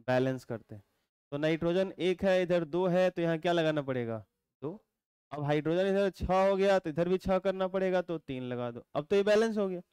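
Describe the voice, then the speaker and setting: A male teacher, giving a chemistry lecture, explaining slowly and repeating points while quizzing his students. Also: high voice, darkish tone, clean tone, no room sound. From India.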